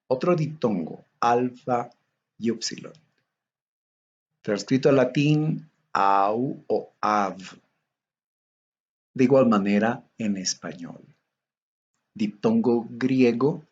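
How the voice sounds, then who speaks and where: A man from Bolivia giving a recorded theology lecture, going methodically through tables of Greek letters in a slow, measured way. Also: medium pitch, darkish tone, husky, muffled recording.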